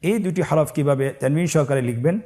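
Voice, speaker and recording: A man teaching Quran reading, slowly spelling out letters and syllables for the listener to repeat. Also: on the high side, mellow. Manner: drawn-out syllables, spelling each letter aloud. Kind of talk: slow recitation lesson, call and repeat.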